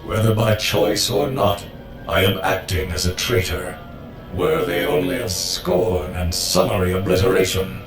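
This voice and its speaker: Very deep, bombastic war droid. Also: male voice, a little slow. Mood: earnest, melodramatic. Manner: grandiose, formal, melodramatic. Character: bombastic, fiercely patriotic male war droid. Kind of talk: video game voice acting. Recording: roomy echo, clear music underneath.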